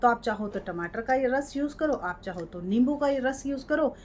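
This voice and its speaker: Woman, 30s, chatty tutorial presenter, high-ish voice, close mic, faint hum. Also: lively intonation, normal speed. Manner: chatty, repeats "ठीक है" and "ये देखो". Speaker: home remedy presenter. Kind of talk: casual how-to demonstration. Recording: light background noise.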